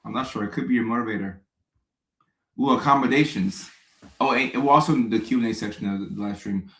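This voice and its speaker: A man, hosting a casual live stream and answering viewer questions in a relaxed, chatty way with joking asides. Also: mid-range voice, fairly quick, echoey room, rough recording.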